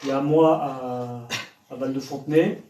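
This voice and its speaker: This evangelist preacher speaks a little slowly, his mid-range voice mellow and even as he questions the young people directly. The sound comes from far off, echoing through a church hall.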